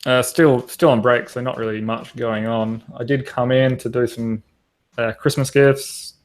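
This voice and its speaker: A man's voice: mid-range voice, steady tone, a little slow. Easygoing joking man on a podcast. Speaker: podcast co-host. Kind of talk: casual chat.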